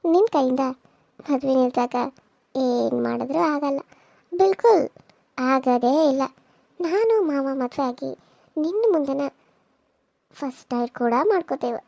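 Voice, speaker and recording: A woman's voice: expressive, measured pace, creaky, long pauses, no room sound, heavily acted. A woman voicing a cruel, scheming young woman villain in a cartoon serial, with a sneering, menacing delivery. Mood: taunting. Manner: sneering, menacing, low and hushed.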